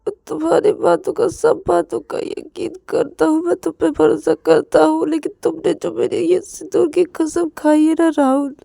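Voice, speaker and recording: A woman's voice: extremely high pitch, level tone, normal speed, gravelly, few pauses, warm tone, no room sound, clean studio sound, exaggerated voice. A woman voicing a tearful, frightened young man who pleads through sobs in a storybook role-play. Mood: tearful, fearful. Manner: sobbing, pleading.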